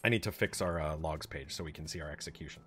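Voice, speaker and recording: A man's voice: very deep voice, fast, fairly bright tone, slight background noise. A man streaming a game, chatting casually on voice chat and explaining things at length with lots of fillers and the odd swear word. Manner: rambling explanations with many fillers and mild swearing. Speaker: streamer, raid leader. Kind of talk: casual voice chat while gaming.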